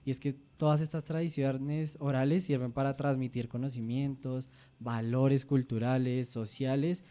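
A man co-hosting a podcast, talking in a relaxed way and repeating words while he searches for the next one. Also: medium pitch, measured pace. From Colombia. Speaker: podcast co-host. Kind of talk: casual radio chat.

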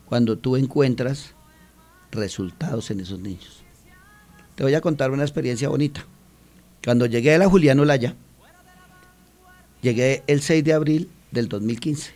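A man's voice: medium pitch, moderate pace, long pauses, a little mellow, soft background music. Colombian man telling classroom stories. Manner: earnest storytelling, acts out quotes. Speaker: teacher and author. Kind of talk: radio interview.

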